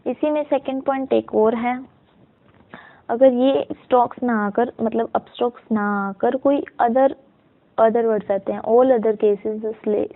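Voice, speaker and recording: A woman shorthand teacher talks slowly and patiently in a fairly high voice. She sounds words out syllable by syllable and keeps pausing to check in with the class. The audio is thin and tinny, like a phone line. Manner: slow and patient, checks in with "ठीक है"; mixes Hindi with English terms. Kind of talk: step-by-step lesson. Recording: tinny narrow-band audio.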